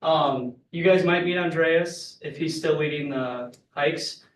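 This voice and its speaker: A young man who is a college senior chats upbeat and casually about his photos, using lots of fillers. His voice is a little high and he speaks slowly, captured by a distant mic in an echoey room.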